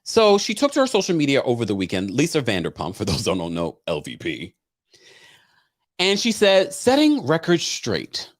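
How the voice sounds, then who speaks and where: A man's voice: medium pitch, huge pitch swings, moderate pace. A man hosting a recap show, talking casually and gossipily to viewers, theatrical and emphatic, repeating phrases for effect. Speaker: host of reality TV recap show.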